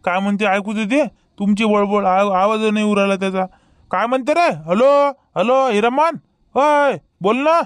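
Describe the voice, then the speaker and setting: A man's voice: high-pitched, moderate pace, smooth, dry recording, studio quality, natural voice. A man with a Vidarbha Marathi accent playing a confused, protesting village man in a rustic comedy sketch.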